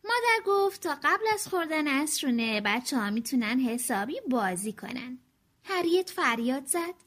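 A woman reading a children's storybook aloud, with a high voice. Her pitch moves in wide, lively swings. She slows down for emphasis. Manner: expressive, slowing for emphasis.

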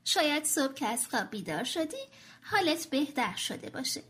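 Woman doing a gentle patient mother donkey. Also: sits high, very animated. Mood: soothing. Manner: soothing, coaxing.

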